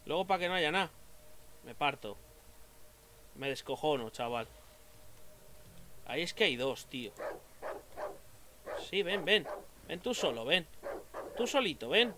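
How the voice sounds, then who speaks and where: Man, Spain Spanish accent, gaming commentary, excitable, swears a lot, fairly high voice, faint hiss. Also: measured pace, pauses often. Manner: excitable, swears and yells at enemies. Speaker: gaming youtuber. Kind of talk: let's play commentary.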